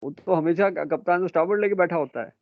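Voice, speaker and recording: A middle-aged man runs a classroom lecture with a high-pitched voice. He fires questions at his students and calls them beta and bhai. The sound is dry and tinny, like a phone line. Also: fast talker, no echo. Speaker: marine engineering teacher.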